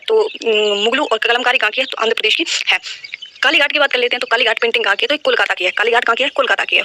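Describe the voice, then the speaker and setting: A woman teaching exam-prep general knowledge races through her lesson, her voice bright and forceful. She keeps firing a question and answering it herself at once. Her pitch sits slightly high. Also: no echo.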